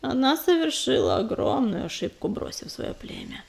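A steady young tomcat warrior from a storybook, speaking low and measured, never rattled, as a woman reader lowers her voice for him. He sounds calm and sensible. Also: vocal fry, heavily acted. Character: young male warrior cat, calm and level-headed.

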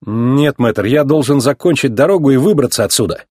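A man voicing an excitable young male race car who yelps when upset. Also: mid-range voice, a little fast, slightly rough, dry recording, clean studio sound. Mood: puzzled.

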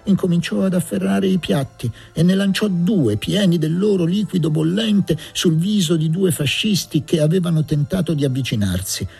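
Gravelly, husky male audiobook narrator. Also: sits high, normal speed, few pauses, warm tone, faint music behind. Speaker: audiobook reader.

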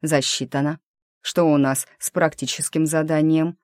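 A stern male university teacher speaks in clipped, dry sentences , as a woman reads him in a low voice. The sound is close and dry, with no room around it. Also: fairly even intonation, normal speed, darkish tone, no room sound, close to an everyday voice. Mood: curt. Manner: dry, curt.

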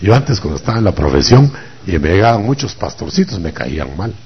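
A man preaching a sermon, dramatic, acting out voices and swinging from loud to whispered, in what sounds like a church. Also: deep voice, big pitch swings, fairly quick, slightly rough. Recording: dull lo-fi recording.

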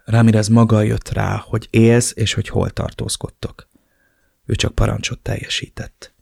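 A subdued woman relaying bad news, voiced by a man in an audiobook. She speaks quietly and hesitantly, in a low, gravelly voice. The sound is dry and close. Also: little pitch movement, no echo.

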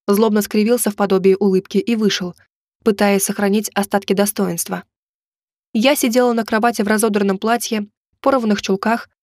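A woman reading a romance novel aloud in expressive first-person narration. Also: medium pitch, dry recording, clean studio sound. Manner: expressive storytelling delivery. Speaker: audiobook narrator.

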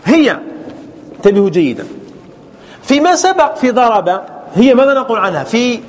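A man teaching a grammar class, drilling verb forms slowly and checking often that students follow. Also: extremely high pitch, very animated, long reverb tail. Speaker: sheikh teaching Arabic grammar.

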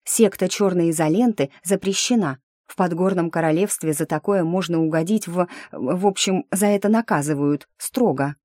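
Shy guilty gnome girl, a bit higher and halting, close dry sound , voiced by a woman reader. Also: dark tone, dry recording, close to an everyday voice. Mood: anxious. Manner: hesitant, apologetic. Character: young female gnome, timid and guilty. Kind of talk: audiobook character reading.

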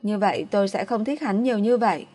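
A woman's voice: mid-range voice, moderate pace, close to an everyday voice. A woman voicing a drunk, spoiled young woman who sulks and pleads in a slurred, petulant way. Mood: tearful.

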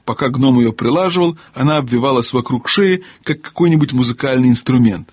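A man narrating a storybook in an even, storytelling manner. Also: mid-range voice, a little fast, breathy edge, no echo. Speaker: audiobook narrator. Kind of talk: scripted narration.

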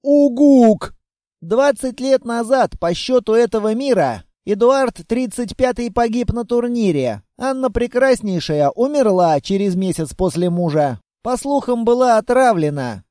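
A man narrating an audiobook in a lively, playful storytelling manner. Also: high voice, moderate pace, hardly any pauses, no echo, studio quality.

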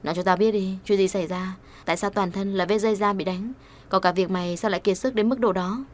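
A woman's voice: mid-range voice, steady tone, fast, lightly acted. A woman reading as a pushy young man. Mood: insistent. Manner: pressing, insistent questions. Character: young man, pushy, protective best friend.

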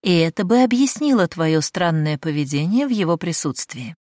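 A woman's voice: on the low side, lively intonation, moderate pace, darkish tone, no echo, clean studio sound, lightly acted. A woman voicing a capricious young noblewoman in an audiobook, with a demanding, sarcastic manner. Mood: smug.

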